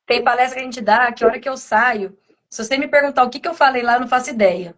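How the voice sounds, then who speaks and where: Earnest high-voiced woman speaker. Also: quick pace, fairly bright tone. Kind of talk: conversational interview testimony.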